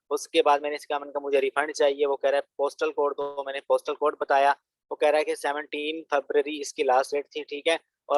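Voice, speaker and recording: Recorded roughly but without room sound, a young man from Pakistan guides viewers through his online business course in a chatty screen-recorded tutorial. His voice sits on the high side. He often slips in "theek hai" as filler.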